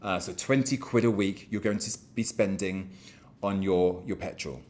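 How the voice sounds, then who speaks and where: British guy chatting to camera, lowish voice, blunt, keeps tripping over the same words. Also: moderate pace, darkish tone. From United Kingdom. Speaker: real estate business owner. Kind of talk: casual talking-to-camera advice.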